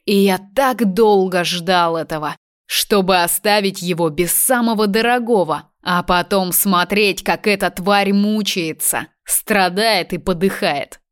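A man's voice: sits high, a little slow, fairly bright tone, clean tone. A woman reading the part of a cruel, vengeful male kidnapper who taunts and gloats. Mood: gloating. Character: vengeful cruel young man kidnapper, mocking.

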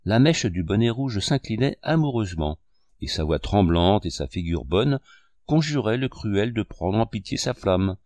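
Low-voiced male audiobook narrator. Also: animated, normal speed, darkish tone, no echo. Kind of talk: classic novel reading.

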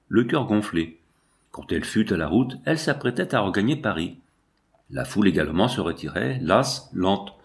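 A man reading a novel aloud in a measured, dramatic narration. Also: on the low side, a little mellow. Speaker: audiobook narrator. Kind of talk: scripted literary narration.

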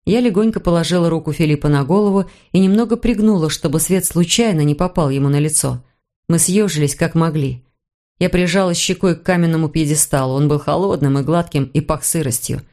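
A woman narrating a suspense novel in the first person, calm and measured. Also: sits low. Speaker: audiobook reader. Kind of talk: scripted narration.

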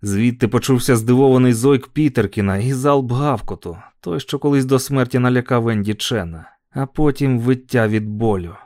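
A man narrating an audiobook story in a measured, calm telling. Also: mid-range voice, no echo, studio quality.

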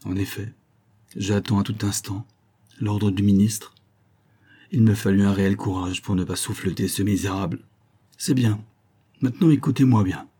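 Low, husky male audiobook narrator. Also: warm tone. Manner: measured, cold and commanding. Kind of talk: audiobook reading of a classic story.

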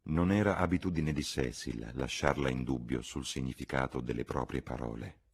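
A man reading a classic novel aloud as an audiobook in a measured, expressive way. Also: a bass voice, vocal fry, slightly rough. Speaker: audiobook reader. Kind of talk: literary audiobook narration.

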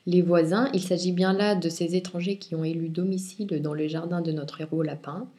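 Woman, children's book reader, expressive storytelling, mellow tone, roomy echo. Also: lowish voice, a little fast. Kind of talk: children's book review and read-aloud.

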